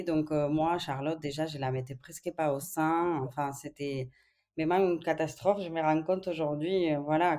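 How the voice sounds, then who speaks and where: A woman's voice: sits low, a little mellow. A woman from Spain in her thirties, speaking as a podcast guest in a casual interview, with frequent hesitations and fillers. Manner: hesitant, many fillers, thoughtful.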